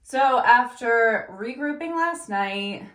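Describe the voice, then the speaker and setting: A woman's voice: fairly high pitch, animated, slow pace, fairly bright tone, roomy sound. A woman sewing at home, thinking aloud in a casual, unsure way and trailing off. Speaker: sewing vlogger. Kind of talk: casual muttering while sewing.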